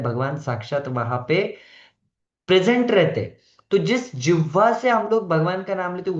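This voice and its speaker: A man teaching a devotional etiquette class in a conversational way, mixing English phrases into his talk and bringing in gentle humor. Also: medium pitch. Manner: gentle humor, acts out quoted people. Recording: roomy, dull lo-fi sound.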